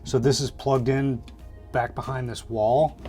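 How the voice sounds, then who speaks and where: A man's voice: medium pitch, flat delivery, unhurried, darkish tone, faint music behind. Man talking through a DIY install inside camper. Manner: plain-spoken, thinking aloud as he works. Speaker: DIY RV vlogger. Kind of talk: hands-on installation tutorial, casual narration. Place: inside a camper, small indoor space.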